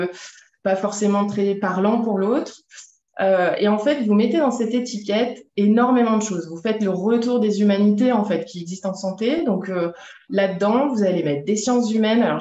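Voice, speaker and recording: A woman veterinarian giving a conversational, explanatory presentation to an audience, pausing and hesitating often as she talks. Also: medium pitch, a little mellow, roomy sound, dull audio.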